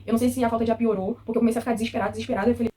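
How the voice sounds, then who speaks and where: Fast-talking woman recounting her birth. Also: a little high, fairly even intonation, mellow. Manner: fast, tearful and indignant, quotes staff. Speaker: mother telling her birth story. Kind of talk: emotional personal account.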